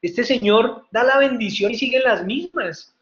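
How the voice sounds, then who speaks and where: A man's voice: very high-pitched, measured pace, fairly bright tone. A male preacher voicing a respected old rabbi who mutters his doubts to himself, in a roomy hall with dull sound. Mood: suspicious. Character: puzzled, suspicious old rabbi, a respected teacher.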